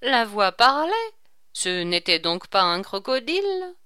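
A woman's voice: mid-range voice, big pitch swings, a little slow, bright, forceful tone, clear, resonant tone, dry recording, studio quality. A woman reading aloud, voicing a sly, mocking male court jester who teases with ironic questions. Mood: wry.

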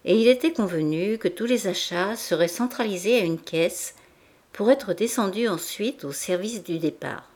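Woman reading a classic novel aloud. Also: mid-range voice. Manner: measured, even literary reading. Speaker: audiobook narrator. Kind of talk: scripted narration.

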